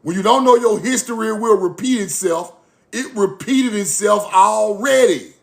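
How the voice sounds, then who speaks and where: With a high-pitched, creaky voice at a moderate pace, a young online video host from Mississippi, USA, chats casually with his audience. He is emphatic and preachy, cycling through repeated catchphrases.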